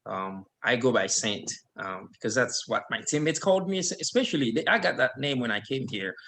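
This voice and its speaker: A man in his thirties from Haiti, a guest chatting casually on a video call in a relaxed, rambling way with many fillers. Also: mid-range voice, fairly quick, vocal fry. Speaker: guest, alumnus. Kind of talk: casual webinar chat.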